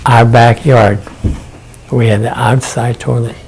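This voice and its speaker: A man, telling childhood memories in a halting way, often repeating words. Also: medium pitch, flat delivery, creaky, a little mellow, slight background noise. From Pittsburgh area. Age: 80s. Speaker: veteran interviewee. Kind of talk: documentary interview.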